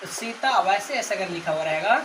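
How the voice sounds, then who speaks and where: A woman's voice: medium pitch, lively intonation, a little fast. A woman teaching a grammar lesson to children, repeatedly asking the class questions and drawing out example words. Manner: stretches out called names as examples. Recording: noisy background ambience.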